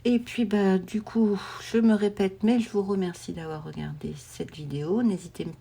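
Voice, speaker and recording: A woman's voice: mid-range voice, fairly even intonation, normal speed, gravelly, mellow, husky. A woman vlogger chatting casually to camera at home, rambling and meandering with many fillers and restarts. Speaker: coloring vlogger.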